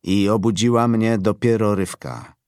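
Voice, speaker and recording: A man giving a literary audiobook reading in a measured, sombre way. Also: fairly low pitch, darkish tone, smooth, no room sound, clean studio sound. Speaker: audiobook narrator.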